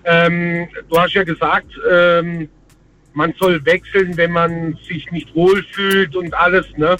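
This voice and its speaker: A man's voice: a little high, flat delivery, slow, pushed and bright. A man calling in to a radio show over a phone line from the road, talking hesitantly with many fillers. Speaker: radio call-in caller. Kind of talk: casual call-in chat.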